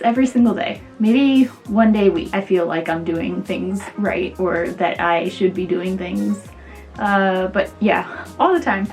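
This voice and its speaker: Twenty-something woman rambling about herself on her vlog, mid pitch, bit of music behind. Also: darkish tone. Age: 20s. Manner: chatty, self-deprecating, many fillers. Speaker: illustrator and vlogger. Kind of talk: casual get-to-know-me chat.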